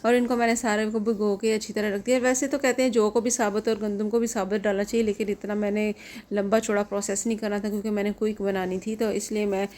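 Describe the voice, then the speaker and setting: A middle-aged woman from Pakistan with a Pakistani Urdu accent, chatting through a home vlog voice-over, repeating herself and pausing often with fillers. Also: mid-range voice, little pitch movement, darkish tone. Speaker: vlogger.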